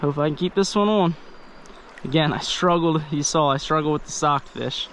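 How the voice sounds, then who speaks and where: This man's voice sits on the high side as he narrates his fly fishing in a chatty, excited way, even addressing the fish he reels in. He's standing in a river, filmed by a head-mounted action camera, with the faint sound of rushing stream water behind him.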